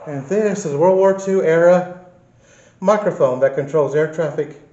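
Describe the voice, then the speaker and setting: A man narrates his own walk through an aviation museum, naming exhibits one by one in an easy explanatory way and sounding a little out of breath. His voice sits at an ordinary pitch. The camera audio is dull and roomy, with a faint hum behind him. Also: moderate pace, warm tone. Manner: plain, explanatory, pointing things out. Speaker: vlog host touring a museum. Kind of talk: casual walking tour narration. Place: aviation museum indoors, old control tower.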